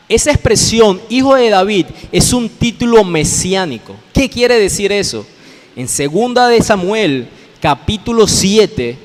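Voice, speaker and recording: A man with a Colombian accent preaching a sermon as pastor, explaining the text and addressing listeners directly, repeating phrases for emphasis. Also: high-pitched. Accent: Colombian Spanish. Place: church hall. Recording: long reverb of a church hall.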